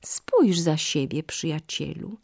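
A clever little monkey, as a woman storyteller puts her on, squeaking up high and swooping between notes, quick-witted and wary. The voice stays lively and a little husky. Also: heavily acted. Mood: cunning. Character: clever, cautious female monkey.

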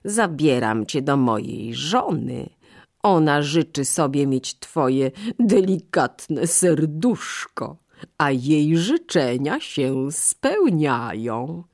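A woman voicing a sly, scheming male crocodile who talks slowly and smugly. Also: sits low, big pitch swings, darkish tone, exaggerated voice. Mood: menacing. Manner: slow, drawn-out, smug.

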